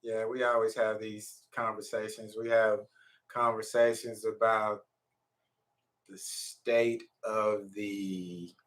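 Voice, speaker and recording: A man co-hosting a casual chat, reflective and soft-spoken, often trailing off. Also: fairly low pitch, level tone, takes it slowly, poor audio.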